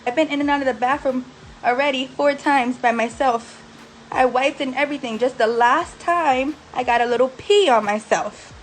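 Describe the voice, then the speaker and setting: Her high-pitched voice moves at a normal speed over slight background noise in this low-quality recording. Worn and aggravated after surgery, the young woman vents profanely and bluntly to the camera about her care from a recovery house bedroom.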